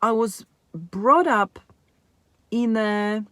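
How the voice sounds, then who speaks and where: A woman vlogger speaking slowly and thoughtfully about her own life, often pausing on "like, you know" and asking "right?". The recording is dry and close, with no room sound around her voice. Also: mid-range voice, fairly bright tone, no room sound. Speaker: vlogger and mother of four. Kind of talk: casual reflective monologue.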